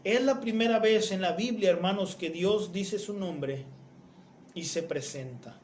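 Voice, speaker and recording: A man with a high voice gives a teaching sermon, methodically explaining and repeating his main points. He often turns to his listeners as brethren. The sound is roomy and echoing, with a faint hiss behind him. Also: measured pace, a little mellow. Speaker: preacher teaching doctrine. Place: church.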